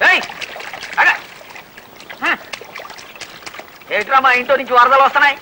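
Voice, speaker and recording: Grumbling stingy householder, very high, bright voice, Telugu accent. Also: male voice, normal speed, slight background noise, exaggerated voice. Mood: exasperated. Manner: exasperated, grumbling. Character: miserly householder fretting over wasted water.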